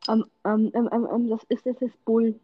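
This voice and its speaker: Excitable slangy woman, dull dry audio. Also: a little high, moderate pace, breathy edge, dry recording. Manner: excitable, loud outbursts, slangy and swearing. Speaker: podcast host. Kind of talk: casual chat while opening in-game rewards.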